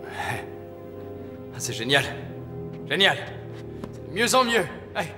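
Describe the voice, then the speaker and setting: An actor playing a sardonic, stubborn policeman in a film drama, brisk and assertive. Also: a little high, sing-song, big-room sound, music in the background. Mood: sarcastic. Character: sardonic, stubborn male police officer taking charge. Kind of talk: dubbed film drama dialogue.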